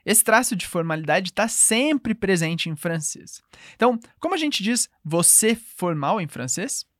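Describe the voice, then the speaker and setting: A woman's voice: mid-range voice, sing-song, a little slow, no room sound, clean studio sound. A woman with a Brazilian Portuguese accent teaching a call-and-response language lesson, patiently modelling phrases for the listener to repeat.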